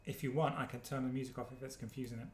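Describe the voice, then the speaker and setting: A man presenting a casual livestream product demo, joking and upbeat as he talks through the software. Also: medium pitch, fairly even intonation, very fast, a little hiss or hum. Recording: roomy echo.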